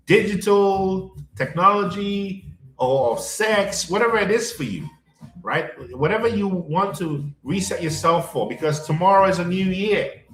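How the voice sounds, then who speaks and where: A man coaching a live audience in a slow, emphatic spiritual pep talk, repeating himself often and checking in with "you understand?". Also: high voice, fairly bright tone. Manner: repetitive, keeps asking "you understand?" and greets viewers by name. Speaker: life coach hosting a livestream. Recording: echoey room with faint music.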